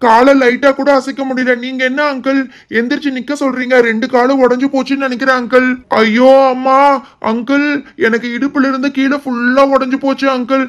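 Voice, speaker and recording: A woman's voice: sits high, level tone, a little fast, lightly acted. A woman voicing a cheeky young boy who whines and cries out in pain in a doll video. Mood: whimpering. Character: cheeky boy, mischievous and then hurt.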